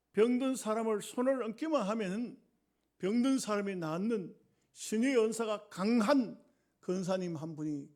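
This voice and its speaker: Guy preaching, pretty high voice, tells it like a story, keeps dropping down real quiet. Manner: dramatic storytelling, voice often sinking low and quiet. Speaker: pastor. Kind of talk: sermon.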